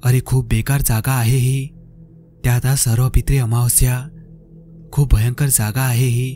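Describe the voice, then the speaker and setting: A man doing a curt, gruff jeep driver. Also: medium pitch, level tone, unhurried, mellow, faint music behind, natural voice. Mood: alarmed, barking. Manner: terse, barks when alarmed.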